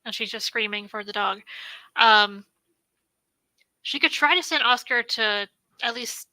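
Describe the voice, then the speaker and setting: A woman's voice: on the high side, measured pace, pushed and bright, no room sound, poor audio. A woman playing in a tabletop game, thinking aloud hesitantly about her character's moves. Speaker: player.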